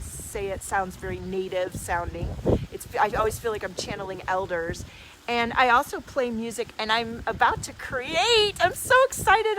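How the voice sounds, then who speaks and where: Outdoors in the desert, a woman livestreams as a healer and host, speaking effusively and emphatically in a casual new-age coaching style. Her medium-pitched voice is a bit bright, and the recording is rough with clear outdoor background noise.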